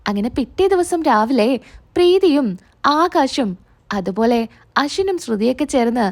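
A woman's voice: sits high, expressive, moderate pace. A woman who reviews a TV serial, casually retelling the episode in a chatty storytelling manner.

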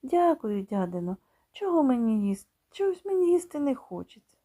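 A woman voicing a proud, quick-witted poor village boy who speaks in a raised, earnest tone. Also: sits high, big pitch swings, warm tone, voice pushed up. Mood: polite.

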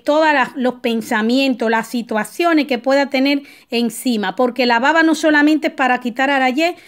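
A woman with a high voice talks her listeners through ritual advice in a loose, conversational way. She preaches a little and keeps checking in with short tag questions. She often drifts into personal stories before coming back to the point. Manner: digressive, with restarts and personal anecdotes. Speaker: spiritual advisor teaching a ritual. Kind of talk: casual spoken advice talk.

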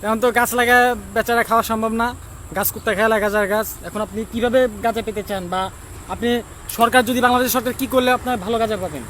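Fast, high-voiced Bangladeshi street interviewer, male. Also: steady tone, fairly bright tone. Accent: Bangladeshi Bengali. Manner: prodding, questioning. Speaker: street interviewer filming for own channel. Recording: street noise behind the voice.

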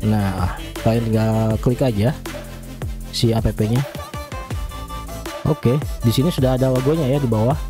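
A chatty young man hosts a YouTube tech tutorial, walking viewers step by step through software setup and calling them friends. He speaks in a mid-range, steady voice at a measured pace with long pauses, over music. He records into a large boom-arm studio mic in a small home room lit by blue LEDs.

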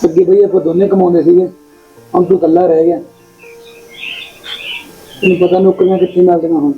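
A man's voice: high voice, flat delivery, fairly quick, narrow, tinny audio, faint music behind, close to an everyday voice. A man playing a worried younger brother. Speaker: actor. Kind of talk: village short film acting.

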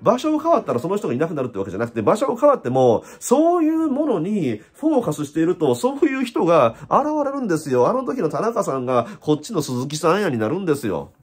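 Osaka-accent guy chatting about life stuff, pitch jumping all over, bit husky, jokey. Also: fast, few pauses, soft background music. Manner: animated, joking, laughs often. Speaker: host. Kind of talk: casual spiritual talk to camera.

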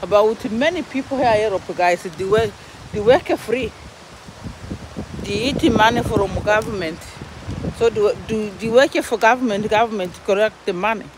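A woman's voice: mid-range voice, normal speed. A middle-aged woman with a Burundian accent vlogs casually outdoors on a phone, emphatically repeating words and phrases. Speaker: vlogger. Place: outdoors, walking in a forest. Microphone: phone at arm's length. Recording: noisy outdoor phone recording, wind and rustling.

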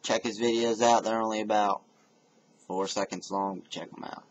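A man's voice: lowish voice, steady tone, normal speed, a little hiss or hum. A young man chatting casually and aimlessly to his webcam in a home office, slangy and given to swearing. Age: young adult. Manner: slangy, swearing, laid-back. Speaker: amateur video blogger. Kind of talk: casual rambling webcam chat. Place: home office room, indoors. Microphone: webcam or computer mic at desk. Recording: dull lo-fi webcam audio, voices behind.

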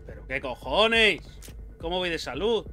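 A man's voice: fairly high pitch, animated, unhurried, pushed and bright, faint music behind. A young man with a Spain Spanish accent, commenting on a horror game he plays, swearing and yelping whenever something startles him. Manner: jumpy, swears and yelps at scares. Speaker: gaming YouTuber. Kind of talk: let's play commentary.

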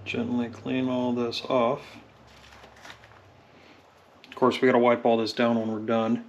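A man talking through a mechanical repair in a home workshop, relaxed and halting with frequent fillers, recorded on a camera filming his hands. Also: mid-range voice, creaky, highs cut off, slight background noise. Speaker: mechanic demonstrating engine rebuild. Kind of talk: casual workshop tutorial. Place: home workshop at a drill press.

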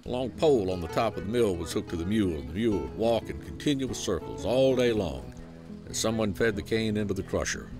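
A man with a Southern US accent narrating a documentary feature in a folksy, unhurried storytelling way. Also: on the low side, animated. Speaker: program host and narrator. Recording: voice-over with music underneath.

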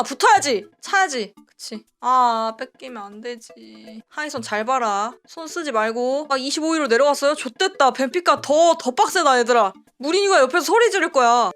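A woman streaming a live football match reaction, emotional and swearing, yelling at the players. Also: high voice.

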